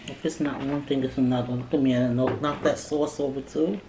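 A middle-aged woman with a low voice, chatting casually between bites as she eats in a mukbang vlog. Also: steady tone, fairly quick. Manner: talking between bites while eating. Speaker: mukbang vlogger. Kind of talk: casual mukbang chat while eating. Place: small indoor room at a table. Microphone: camera a short distance away on table. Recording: echoey room with background noise.

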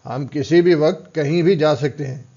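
A man's voice: fairly high pitch, gravelly, warm tone, lo-fi sound. A man voicing a bitter, threatening male thug in an audiobook, speaking with open menace.

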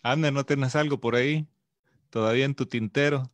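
A man hosting, briefly prompting his co-host with a relaxed question. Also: mid-range voice, moderate pace, dry recording.

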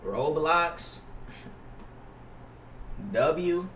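A young adult American man with a fairly high, expressive voice draws out his words in a fairly bright tone. As a game streamer, he chats casually with his livestream viewers, full of slang and swearing and often repeating himself. Recorded at an indoor gaming setup on a headset mic, the sound is roomy, distant, and noisy.

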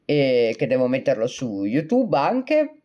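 A woman's voice: rumbling low, sing-song, takes it slowly, warm tone, muffled recording. A woman hosting a casual livestream, chatting with viewers in a joking way, reading out their comments and replying. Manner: chatty and joking, breaking often into laughter; reads out and answers viewer comments. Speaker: livestream host.

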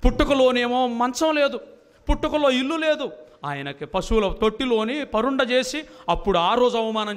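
A man's voice: very high voice, a bit bright. A man preaching a sermon to a congregation, emphatic and repetitive, firing rhetorical questions at his listeners. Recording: long reverb of a hall.

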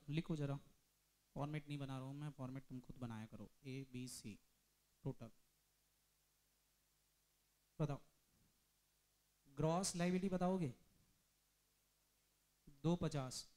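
A man's voice: a little high, mellow. Man drilling a class with questions. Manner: drills students with rapid questions; mixes Hindi with English terms. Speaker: commerce teacher. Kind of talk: classroom lecture.

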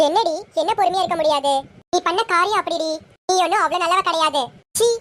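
A performer playing a bossy, angry elder sister in a serial parody skit, scornful and shouting insults. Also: very high-pitched, fast.

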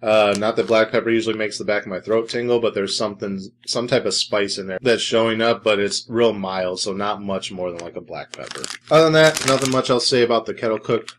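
A man's voice: lowish voice, fairly quick, few pauses, a bit bright, a little hiss or hum. A man hosting his own snack review vlog, talking casually with dry sarcasm and rambling asides. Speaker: food reviewer host.

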